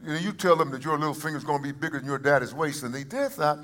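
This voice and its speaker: A man preaching a sermon to a congregation, shifting between quiet asides and loud emphatic calls and often restarting his phrases. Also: fairly high pitch, expressive, rapid-fire. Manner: repeats words and restarts phrases. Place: church service before a congregation.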